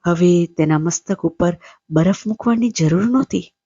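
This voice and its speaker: A woman storyteller reading a literary short story aloud in a measured, steady way. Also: fairly low pitch, slightly rough, no echo, muffled recording.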